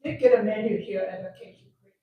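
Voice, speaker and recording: A woman's voice: mid-range voice, quick pace, dull audio. A woman in her eighties, a resident speaking on a panel in a plain, matter-of-fact way. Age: 80s. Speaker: retirement community resident on a panel. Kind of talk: casual panel talk. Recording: echoey room, picked up from far off.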